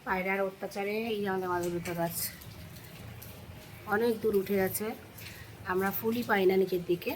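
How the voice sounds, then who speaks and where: Woman, hoarse strained voice, casual home vlog, chatty and talking to viewers, noisy phone recording. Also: mid-range voice, fairly even intonation, moderate pace, pauses often. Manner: chatty, addresses viewers directly. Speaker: vlogger. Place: at home, indoors and on a balcony.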